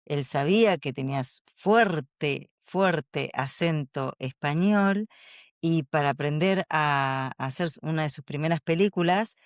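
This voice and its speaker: A woman's voice: low voice, normal speed, few pauses, dry recording. Lady coach, chatty storyteller vibe, punchy lines, dry close sound. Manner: animated, storytelling, emphatic. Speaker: guest, communication coach. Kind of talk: storytelling interview answers.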